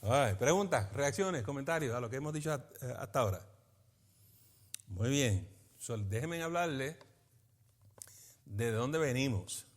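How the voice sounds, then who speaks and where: A man, a pastor teaching a Bible study in a lively preaching manner, often asking his listeners for agreement. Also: mid-range voice, unhurried, long pauses, slight background noise. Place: church meeting in a school building.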